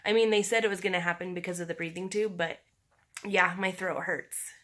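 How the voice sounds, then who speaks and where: A woman with a scratchy, sore-throat voice talking in a halting, candid, conversational way, as in a casual personal video diary. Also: fairly low pitch, fairly even intonation, fairly bright tone. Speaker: personal vlogger.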